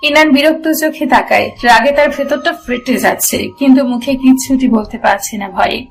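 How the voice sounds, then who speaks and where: A woman narrating a romance audio story in a steady storytelling manner. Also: high voice, brisk, gravelly, soft background music, rough recording.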